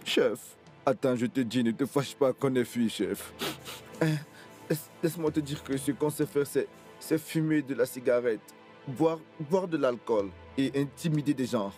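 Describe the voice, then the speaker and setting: A man's voice: mid-range voice, measured pace, darkish tone, faint music behind, lightly acted. An actor playing a cowed male gang henchman in a dubbed film drama, pleading and stammering. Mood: placating.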